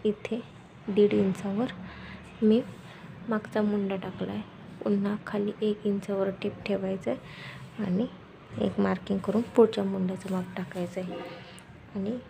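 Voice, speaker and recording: Woman, soft quiet night-time voice, mellow, even intonation, instructional tutorial delivery. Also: medium pitch, unhurried, gravelly, long pauses, slight background noise. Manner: speaking softly, quiet at night while others sleep; instructional, repeats steps and measurements. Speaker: sewing tutorial host. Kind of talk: step-by-step tailoring tutorial.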